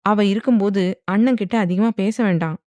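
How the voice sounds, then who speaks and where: A woman's voice: medium pitch, moderate pace, mellow, no echo, lightly acted. A woman voicing a domineering young husband who teases and mock-threatens, in a dramatized audiobook reading. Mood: calm.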